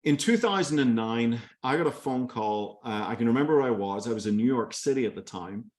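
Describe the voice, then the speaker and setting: A man's voice: mid-range voice, lively intonation, a little fast, darkish tone. A man in his forties from Northern Ireland with a light Belfast accent, giving an enthusiastic motivational talk on a group call, telling his story with many fillers and restarts. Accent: light Belfast Irish. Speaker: company leader speaking on a kickoff call.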